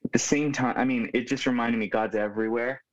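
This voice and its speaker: A man in his twenties from Hawaii, a youth pastor telling his story as a podcast guest in an earnest, reflective way with thoughtful pauses. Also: mid-range voice, fairly even intonation. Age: 20s. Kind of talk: casual conversational storytelling. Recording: dull lo-fi remote audio.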